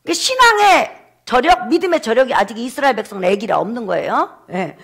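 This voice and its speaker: A man's voice: very high-pitched, big pitch swings, brisk, a bit bright, breathy edge. A male pastor preaching a sermon in a church, acting out the voices of the people he quotes.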